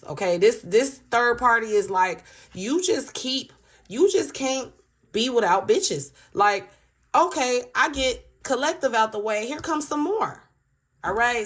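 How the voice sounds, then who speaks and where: A woman's voice: medium pitch, a bit bright. A woman giving a casual tarot reading to her viewers, blunt and profane, with chatty asides. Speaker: tarot reader.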